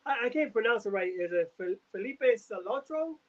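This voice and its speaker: A man hosting a podcast who asks questions in a relaxed, easygoing way. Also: sits high, fairly quick, muffled recording. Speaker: podcast host. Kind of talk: casual interview chat.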